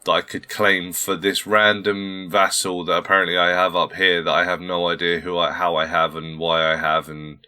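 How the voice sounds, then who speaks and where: In a deep, resonant, clear voice with little pitch movement, a man hosts a casual let's-play of a strategy game at a moderate pace, pausing rarely. The tone is sharp. Though a little under the weather, he stays polite and chatty, thinking aloud as he goes.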